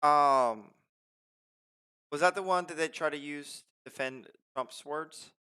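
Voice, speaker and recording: Bright clear-voiced man asking questions. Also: fairly high pitch, slow pace. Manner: short agreeing replies, curious follow-up questions. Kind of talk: casual chat.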